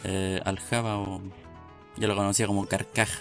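A man's voice: on the low side, flat delivery, moderate pace, gravelly. Chilean man casually commentating a game. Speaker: video game streamer. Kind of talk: casual let's play commentary. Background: game music.

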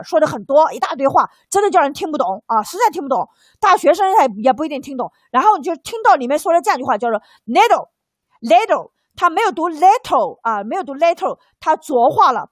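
A woman with a high, bright-pitched voice teaches exam technique to a couple of students. She explains step by step, repeats key phrases and keeps asking rhetorical questions. The sound is close and dry, with no room echo. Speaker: English exam tutor. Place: small tutoring class with two students.

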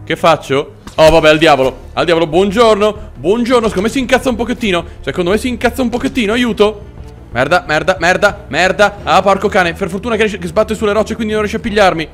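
A man hosting a let's play, giving excitable gameplay commentary, swearing a lot and chatting with the creatures on screen. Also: fast, hardly any pauses, faint music behind. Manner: jumps into squeaky cooing over cute creatures. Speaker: gaming channel host.

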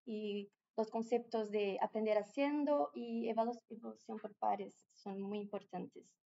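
This conference presenter, a Brazilian woman with a Portuguese accent, has a medium-pitched, gravelly, mellow voice and speaks a little slowly with fairly even intonation. She addresses a large room carefully, frequently hesitating and starting words over. The recording is muffled.

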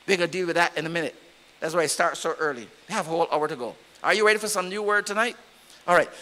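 A Barbadian man preaching in a church with a very high, bright voice. He presses his points hard and repeats them, swelling louder as he drives them home. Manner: emphatic preaching with repetition and rising volume. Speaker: pastor. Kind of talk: sermon.

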